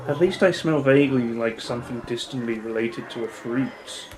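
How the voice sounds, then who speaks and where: A man's voice: medium pitch, moderate pace, background noise, lightly acted. Man putting on a sly, flirty lady cat burglar. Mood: teasing, dry. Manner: drawling, teasing sarcasm. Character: sly, flirty female cat burglar, world-weary barfly. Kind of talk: game character voice acting.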